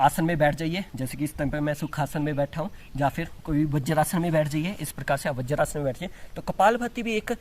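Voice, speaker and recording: Guy with a high voice teaching yoga, demoing moves, restarts a lot. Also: a little mellow. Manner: explains step by step with frequent restarts, mixing in English terms; demonstrates exercises while talking. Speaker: yoga instructor. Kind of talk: instructional demonstration.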